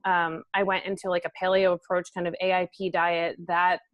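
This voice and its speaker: A woman's voice: lowish voice, flat delivery, fairly quick, dry recording, highs cut off. A woman in her thirties, an interview guest speaking earnestly in a casual conversation, with many "um"s and "like"s. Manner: earnest, frequent fillers like "um" and "like".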